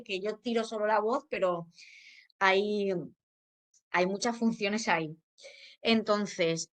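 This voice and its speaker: A woman speech therapist with a Spain Spanish accent gives an informal educational talk in a mid-range, slightly bright voice. She explains patiently, uses many fillers, and often checks that listeners are following.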